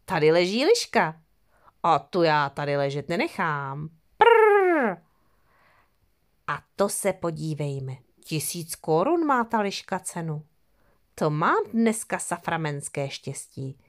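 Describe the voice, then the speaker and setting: A simple, jolly fish carter exclaims loudly over his good luck, voiced by a woman. His lines rise and drop in lively swings. He comes across as gullible and greedy in a fairy-tale audiobook. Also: low voice. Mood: delighted. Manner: cheerful exclaiming.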